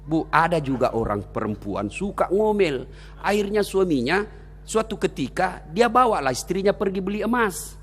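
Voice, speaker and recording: High, lively preacher. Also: male voice, moderate pace, slight background noise. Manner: animated, shouting, joking storyteller. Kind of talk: comedic sermon. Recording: long hall reverb.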